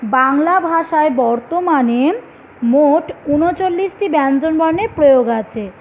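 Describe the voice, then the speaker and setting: High-voiced woman teaching children over tinny audio. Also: animated, a little slow. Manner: patient, explaining step by step with repeated examples and questions to students. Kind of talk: online Bengali grammar lesson for young children. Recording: tinny phone-like audio with faint hiss.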